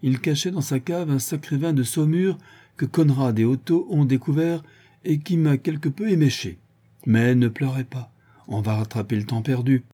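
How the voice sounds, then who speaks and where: A man's voice: medium pitch, moderate pace, warm tone, slightly rough, voice pushed up, close to an everyday voice. A man voicing a drunk, mocking middle-aged villain who taunts his captive in an audiobook. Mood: mocking tipsy. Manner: sneering, jovial, taunting. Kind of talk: audiobook character voice.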